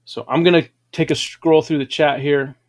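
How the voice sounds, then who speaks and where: A man's voice: fairly high pitch, fairly even intonation, normal speed. A man hosting a livestream, telling grand, boastful stories in a dramatic, preachy way. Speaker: livestream host. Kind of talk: grandiose motivational storytelling.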